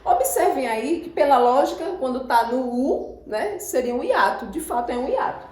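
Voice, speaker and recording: A woman teaching a Brazilian Portuguese grammar lesson for exam prep, repeating words slowly and breaking them into syllables. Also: sits high, very animated, a little mellow, roomy sound, low-quality recording.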